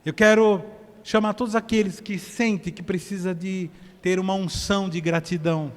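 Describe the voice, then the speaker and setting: A Brazilian man preaching a sermon at a church service, swinging from hushed to loud as he directs the congregation. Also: high voice, fairly even intonation, moderate pace, big-room sound. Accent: Brazilian Portuguese. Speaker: pastor.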